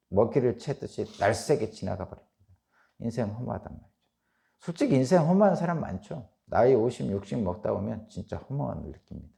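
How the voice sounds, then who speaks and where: A middle-aged male pastor with a Chungcheong accent, giving an early-morning sermon in an animated preaching manner that swings from loud peaks to soft asides. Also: medium pitch, vocal fry. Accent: Chungcheong Korean. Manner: animated preaching, voicing Job's laments, rising loud then dropping soft.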